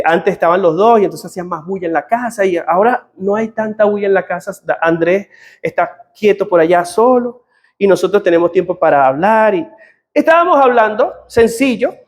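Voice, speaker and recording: A middle-aged man with a notably high voice delivers a sermon as a pastor. He speaks earnestly and draws on personal stories, quoting what others told him. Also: a little mellow. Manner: earnest, personal storytelling with quoted dialogue.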